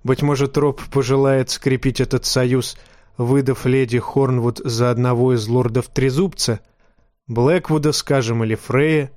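Man playing a patient elderly knight advising a young lord, measured delivery, dry recording. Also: medium pitch, steady tone, dry recording, lightly acted. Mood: thoughtful. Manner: measured, gently reproving. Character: grave old knight, a patient mentor.

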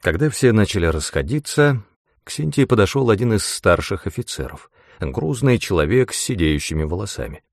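Low, gravelly man reading a novel, calm, steady, close and dry. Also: normal speed, dry recording. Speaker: audiobook narrator. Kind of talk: scripted narration.

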